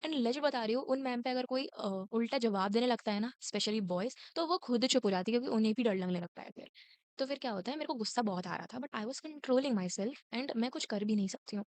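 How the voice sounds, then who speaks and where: A late-teen woman recounts a school story casually and indignantly, mixing Hindi and English and mimicking a scolding teacher in sharp, raised lines. Her fairly high voice moves a little fast, with no echo.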